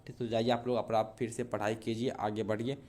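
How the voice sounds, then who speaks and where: Hindi teacher who keeps saying "ठीक है". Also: male voice, on the low side, flat delivery, brisk, a little mellow. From Bihar. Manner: repeats "ठीक है" often, addresses students directly. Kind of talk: online Hindi grammar lesson.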